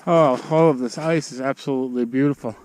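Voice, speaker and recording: Outdoors on a snowy mountain, a hiker casually narrates his own trek for a trail vlog. His mid-range voice is a little mellow, brisk, and fairly even in intonation, and wind makes the outdoor audio noisy.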